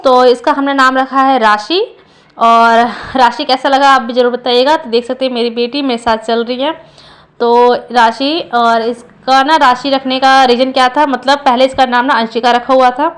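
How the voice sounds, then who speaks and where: Young woman vlogging, high voice, earnest and rambly, keeps restarting her sentences. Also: steady tone, normal speed. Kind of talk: casual personal vlog.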